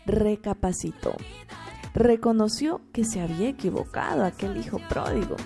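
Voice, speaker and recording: A woman's voice: medium pitch, lively intonation, moderate pace, gravelly, music in the background. A young adult woman hosting a morning radio program, giving a reflection on faith, asking her listeners questions and repeating words for emphasis. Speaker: radio host.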